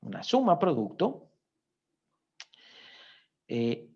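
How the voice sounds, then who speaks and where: A man's voice: on the high side, huge pitch swings, very slow, warm tone, slightly rough, highs cut off. A man teaching a recorded economics lesson, explaining step by step and often checking in with his students. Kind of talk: recorded lecture with spreadsheet walkthrough.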